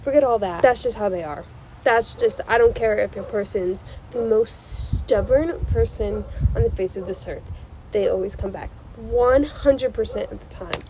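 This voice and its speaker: A woman's voice: mid-range voice, moderate pace, dark tone, slight background noise, poor audio. A young woman hosting a casual advice vlog with a stuffy nose, talking in an emphatic, insistent and reassuring way and repeating herself for emphasis. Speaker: channel host. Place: outdoors on a porch. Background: passing cars.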